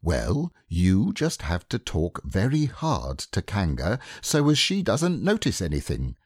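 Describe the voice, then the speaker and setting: A man's voice: low-pitched, wildly swooping pitch, unhurried, dry recording, clean studio sound, full character voice. A man reading aloud and voicing a bossy, scheming male rabbit who urges others on. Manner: bossy, urging.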